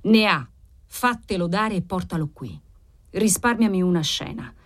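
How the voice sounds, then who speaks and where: A woman's voice: fairly low pitch, animated, a little slow. A woman voicing a harsh, domineering male aristocrat who is desperate for money, giving curt orders. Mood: harsh, commanding.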